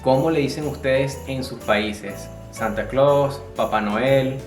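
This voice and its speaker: A Venezuelan man with a Venezuelan Spanish accent, chatting casually as a vlogger in a relaxed, rambling way. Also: medium pitch, slow, reverberant, faint music behind. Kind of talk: casual chat.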